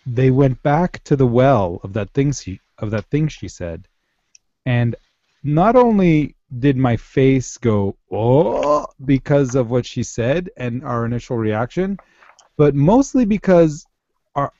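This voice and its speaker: A man co-hosting a casual fan discussion podcast, talking in halting, animated bursts with restarts. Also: medium pitch, no room sound. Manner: animated, halting restarts, quotes lines in a raised voice. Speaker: podcast co-host. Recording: dull lo-fi podcast audio.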